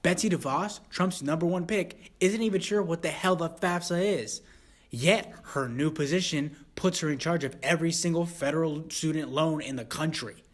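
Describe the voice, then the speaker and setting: A man's slightly high, husky voice delivers a scripted satirical newscast. He plays the anchor with mock seriousness, slipping crude asides into otherwise formal news reading. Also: normal speed.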